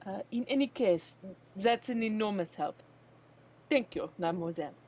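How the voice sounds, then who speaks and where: A woman's voice: mid-range voice, lively intonation, moderate pace, darkish tone, slight background noise, close to an everyday voice. A woman voicing a polite, slightly flustered male sparrow assistant in a video game, courteous and hesitant. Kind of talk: video game character voice read aloud.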